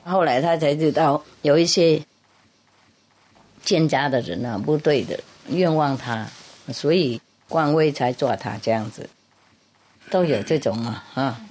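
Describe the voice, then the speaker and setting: A woman's voice: very deep voice, a little slow, a little mellow, a little hiss or hum. A woman Buddhist master telling a humorous story in a chatty way, laughing and repeating herself.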